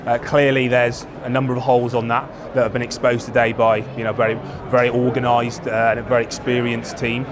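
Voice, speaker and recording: A man in his forties, a forwards coach, talks in a flat, level voice and often restarts his phrases. He speaks from an outdoor stadium stand, and a crowd murmurs clearly around him. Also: mid-range voice, a little fast, hardly any pauses. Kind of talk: post-match interview.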